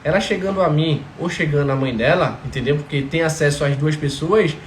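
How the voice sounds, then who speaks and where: In a brisk voice on the high side, a man gives casual, animated testimony about being a father and his family. Again and again he asks "entendeu?" to confirm he's understood. Faint noise and echo fill the room.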